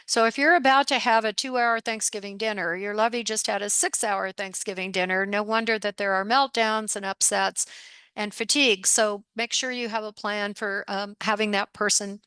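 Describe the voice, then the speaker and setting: An upbeat woman presenting a webinar from her office, speaking straight to her listeners and often calling out to everybody. Her voice is bright and forceful, with a crisp, smooth clarity. The sound is close and dry. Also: mid-range voice, fairly even intonation, moderate pace, no room sound. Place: home or office desk.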